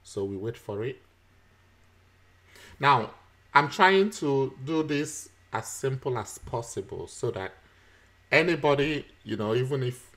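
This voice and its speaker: In a lowish voice, a man teaches a screen-recorded software tutorial, going over each step patiently and often using fillers and chuckling.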